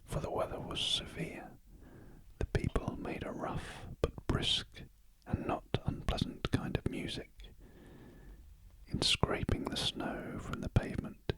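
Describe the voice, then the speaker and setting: A British man reads a classic story for ASMR, entirely in a soft whisper. His delivery is very slow and gentle, broken into measured phrases. The breathy voice sits close to the ear-to-ear microphone. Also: low-quality recording. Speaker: ASMR reader. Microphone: close ear-to-ear stereo microphone.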